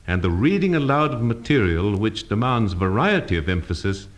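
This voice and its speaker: A man giving a scripted speech-training lesson, precise and measured, acting out example phrases. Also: lowish voice, very animated. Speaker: elocution teacher.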